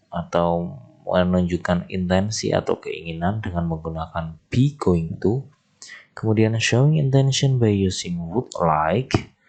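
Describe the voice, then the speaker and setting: A man's voice: low voice, gravelly, darkish tone. A man teaching an English lesson, explaining patiently and reading example phrases aloud. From Indonesia. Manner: explains in Indonesian, reads English phrases aloud with rising intonation. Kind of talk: recorded classroom lesson.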